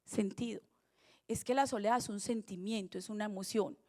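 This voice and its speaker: A middle-aged woman pastor, preaching a sermon in a conversational, animated way with rhetorical questions. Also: medium pitch, brisk.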